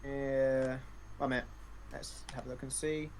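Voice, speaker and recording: A man's voice: mid-range voice, little pitch movement, measured pace, a little mellow. A man talking casually as a player in a tabletop role-playing game.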